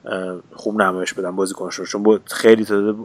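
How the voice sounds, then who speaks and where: Lower-voiced male podcast co-host, relaxed and hesitant, gropes for words as he talks football. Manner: hesitant, searching for words with many fillers. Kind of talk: casual football chat.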